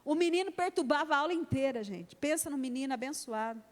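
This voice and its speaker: A woman's voice: high voice, animated, fast talker. A woman preaching a sermon, firm and exhorting, acting out little conversations from her own family life. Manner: firm, exhorting, acts out dialogue with her daughter. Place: church sanctuary. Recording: church hall with long reverb.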